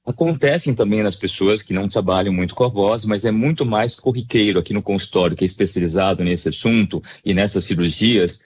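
Um médico otorrinolaringologista com sotaque brasileiro, explicando com calma e hesitações numa entrevista de rádio. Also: male voice, fairly low pitch, muffled recording, a little hiss or hum. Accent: Brazilian Portuguese. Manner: measured, explanatory, with frequent hesitations. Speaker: ear, nose and throat doctor, voice specialist. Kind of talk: explanatory radio interview answers.

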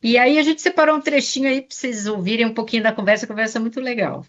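A woman's voice: a little high, very fast, lo-fi sound. A woman columnist talking casually on a radio news show, with many fillers. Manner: conversational, lots of fillers.

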